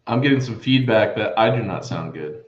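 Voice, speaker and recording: A laid-back man talking casually on a livestream, his fairly low voice ringing with a hollow echo like a big empty room. The sound is dull and muffled, as if picked up by a far-off webcam mic. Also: expressive, fairly quick. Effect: echoey, hollow-sounding mic.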